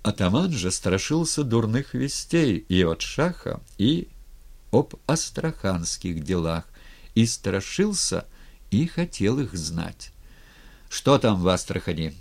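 A man narrating a historical novel as an audiobook in a measured, expressive storytelling manner. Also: lowish voice, creaky.

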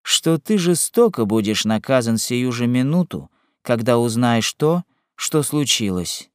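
A man voicing a calm, sorrowful young man who defends himself in a courtroom, in an audiobook reading. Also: medium pitch, measured pace, clear, resonant tone, dry recording, clean studio sound. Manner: grave, restrained.

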